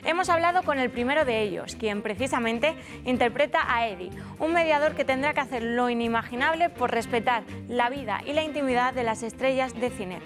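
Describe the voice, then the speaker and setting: Young female TV presenter, higher pitch, scripted delivery, music bed. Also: fairly quick, hardly any pauses. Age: young adult. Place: TV studio.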